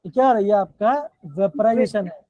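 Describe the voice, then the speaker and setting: High-voiced male chemistry teacher, repetitive. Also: normal speed, no echo. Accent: Himachali Hindi. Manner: repetitive, keeps calling the students "बच्चों". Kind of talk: live online class lecture. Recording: dull, dry low-fi online class audio.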